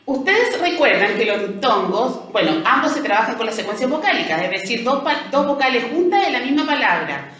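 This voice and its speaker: A Chilean woman teaching a language lesson, breaking words into syllables one at a time. Her voice sits high and swings up and down as she explains. She is heard from a distance in a very echoey room. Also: very animated, a bit bright. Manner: explanatory, spells out syllables slowly. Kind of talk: recorded language lesson review.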